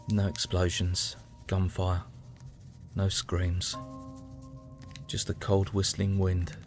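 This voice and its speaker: This is audio drama diary narration in the first person: a man plays a weary young British soldier in the trenches of 1917, speaking low and haunted. His delivery is somber, reflective and dramatic, with dramatic music playing behind him.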